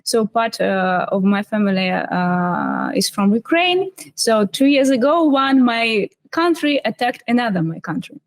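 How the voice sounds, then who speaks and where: A woman's voice: fairly high pitch, sing-song, measured pace, hardly any pauses. A woman from Russia with a Russian accent, hosting an interview and asking long, hesitant questions. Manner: hesitant, many fillers, laughs often. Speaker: podcast host.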